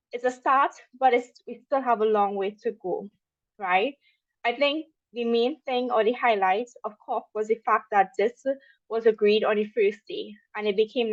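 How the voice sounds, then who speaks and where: A young Trinidadian woman gives a webinar presentation in a chatty, loose way, sprinkling in ums and small asides. Her pitch is middling. The audio is dry, slightly dull and free of room sound, much like an online call.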